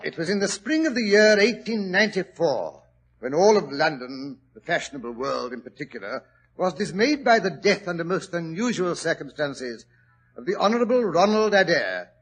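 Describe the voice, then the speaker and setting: A man playing Doctor Watson, a genial British gentleman telling a detective story on a 1940s radio drama. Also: a little high, very animated, moderate pace, husky, full character voice. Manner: chatty, chuckling, mildly pompous British gentleman. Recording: old radio broadcast recording.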